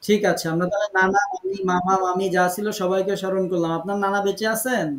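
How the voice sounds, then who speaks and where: A man teaching Quran recitation in an online class, patiently correcting students and repeating words slowly to model them. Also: high-pitched, fairly even intonation, echoey room.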